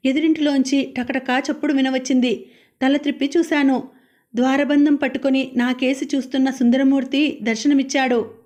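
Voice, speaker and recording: A woman's voice: high-pitched, darkish tone. A woman narrating a novel as an audiobook, reading the characters' lines herself with only light changes of voice. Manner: reads all characters' dialogue herself, only lightly shifting voice.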